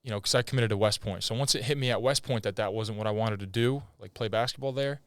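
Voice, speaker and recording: A young man hosts a relaxed podcast conversation in a somewhat low, smooth, clear voice. He talks easygoing and slangy, tossing in "bro" and "like." The close mic sounds dry. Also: fast talker, no echo. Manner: laid-back, slangy, says "bro" and "like". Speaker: podcast host. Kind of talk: casual podcast interview.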